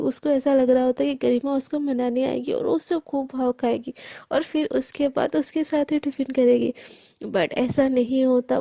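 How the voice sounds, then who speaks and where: A woman's voice: high voice, gravelly, warm tone, dry recording. A woman telling a serialized love story in a chatty, casual way, with many fillers and English words mixed in.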